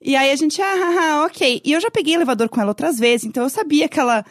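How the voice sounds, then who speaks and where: A woman from Brazil in her thirties, co-hosting a podcast and telling stories with lively laughs and shrieks. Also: high voice, fast talker, no room sound, studio quality. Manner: animated storytelling, shrieking laughs. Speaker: podcast co-host. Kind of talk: casual chat.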